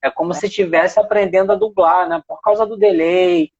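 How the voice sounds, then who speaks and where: A man hosting a live chat, speaking in a relaxed, conversational way. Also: sits high, moderate pace, highs cut off. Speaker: host.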